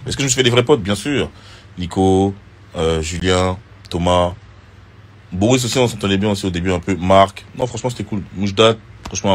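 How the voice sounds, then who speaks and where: A man with a low, slightly husky voice talks loosely to his followers and drops plenty of slang and fillers. He answers viewer questions in a laid-back social media chat. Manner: relaxed and slangy, with many fillers. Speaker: reality TV contestant.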